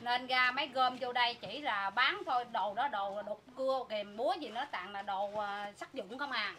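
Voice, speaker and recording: A woman with a Southern Vietnamese accent tells her side in emphatic, fast bursts. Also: on the high side, pushed and bright. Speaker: interviewee. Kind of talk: spoken account.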